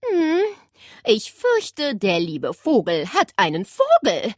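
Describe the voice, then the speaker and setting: A woman voicing a grim elderly great-aunt who speaks slowly and sternly in a storybook. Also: a little high, wildly swooping pitch, no room sound, studio quality, pitched above the performer's own voice, heavily acted. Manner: slow, stern, drawn-out.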